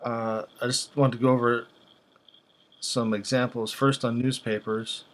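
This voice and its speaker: In an offhand manner, a man who hosts videos browses and talks through examples, pausing and halting as if thinking aloud off the cuff. His voice remains flat and level, showing almost no pitch variation.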